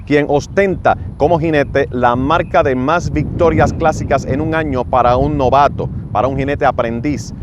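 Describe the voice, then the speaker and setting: Male host, formal intro then short questions; mid pitch, roomy sound. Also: a little mellow, highs cut off, a little hiss or hum. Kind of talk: interview host with a scripted intro.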